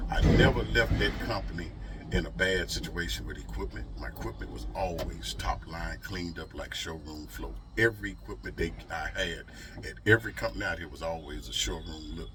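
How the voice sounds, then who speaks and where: Against a noisy background, a man with a low-sitting voice talks casually in his trucker vlog. He offers motivational advice in a folksy, emphatic style, asking the same rhetorical questions again and again.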